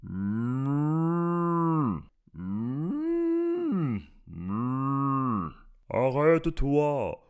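A man's voice: medium pitch, wildly swooping pitch, smooth, dull audio, voice pushed up, heavily acted. A man voicing a hungry cow who moos and hums greedily. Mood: greedy. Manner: slow, mooing and humming. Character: hungry lowing female cow.

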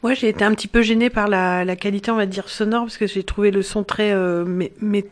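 A woman's voice: medium pitch, steady tone, brisk. A woman casually reviewing a song, hesitating and searching for words. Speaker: music show co-presenter. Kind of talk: casual music review chat.

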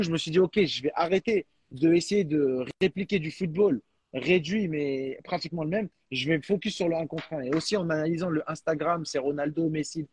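A man talking in a casual chat as a guest, animated and slangy, often restarting and repeating words. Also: fairly high pitch, breathy edge, dry recording. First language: French. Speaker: guest, freestyle football creator.

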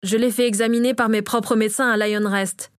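A woman's voice: on the high side, steady tone, a little fast, dry recording, studio quality, lightly acted. Anxious protective lord, read by a woman, pressing tone, storybook. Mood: worried. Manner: pressing and insistent.

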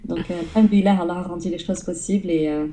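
A woman's voice: fairly low pitch, steady tone, quick pace, a crowd in the background, rough recording. A woman from southern France, a guest in a casual interview, telling her story with frequent hesitations. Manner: hesitant, many fillers, storytelling. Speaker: guest entrepreneur.

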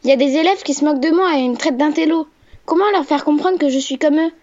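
Actress as a very high-voiced shy girl, muffled message. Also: fast talker, darkish tone, close to an everyday voice. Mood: earnest. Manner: polite, earnest. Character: shy 11-year-old girl leaving a message. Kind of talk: recorded voice message in audio drama. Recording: dull voice-message sound.

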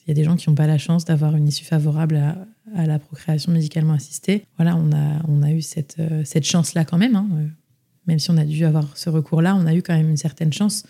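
A young woman from France speaks as an interview guest, sharing her personal story in a chatty way full of fillers and restarts. Her voice is deep, gravelly and warm, delivered flatly at a quick pace.

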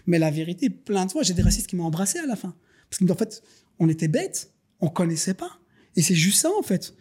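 Man, rapid, husky, dark-toned, earnest. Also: sits high, sing-song. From Belgium. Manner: earnest, preachy storytelling, addresses listeners as "les gars". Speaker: podcast guest, business owner. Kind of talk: casual podcast conversation.

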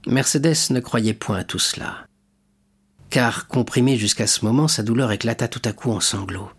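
A man narrating a classic novel as an audiobook reader, in a steady, measured way. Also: medium pitch, breathy edge.

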